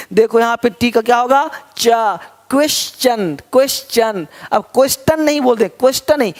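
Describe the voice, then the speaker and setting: Man drilling English pronunciation in class. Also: very high-pitched. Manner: drills words by repeating right and wrong pronunciations; addresses students directly and checks they follow. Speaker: English teacher. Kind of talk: spoken classroom lesson.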